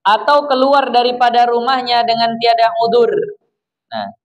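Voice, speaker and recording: A man's voice: steady tone, moderate pace. A man from Indonesia with a Medan accent, giving a chatty, informal religious lecture to a congregation. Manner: chatty, acts out quoted spouses in a lowered voice. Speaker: religious teacher. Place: study gathering hall.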